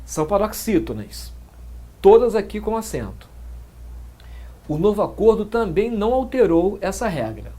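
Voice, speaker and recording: A man's voice: high-pitched, very animated, moderate pace, pauses often, mellow. A man with a Brazilian Portuguese accent teaching grammar in an exam-prep lecture, explaining step by step and often checking in with short tag questions.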